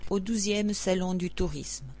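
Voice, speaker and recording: A woman announcer reading scripted public announcements, like those at an airport or station, in a formal, measured way. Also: mid-range voice, a little mellow.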